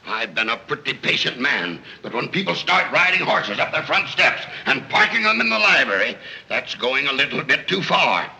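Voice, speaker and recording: A man's voice: mid-range voice, very animated, normal speed, creaky, pushed and bright, exaggerated voice, poor audio. An actor playing a blustering, sardonic middle-aged wealthy father, exasperated with his family, in 1930s screwball comedy banter.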